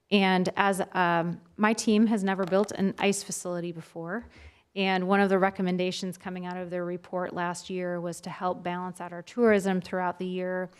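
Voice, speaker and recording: A woman with a smooth, clear and slightly low voice presents at a formal meeting. Her delivery is measured and matter-of-fact, as a staff member reporting.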